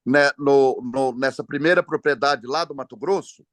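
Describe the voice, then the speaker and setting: A man with a mid-range voice is interviewed as an entrepreneur over a phone or video call, speaking at a normal pace. He's relaxed and tells stories, with frequent hesitations and restarts. The audio is dry.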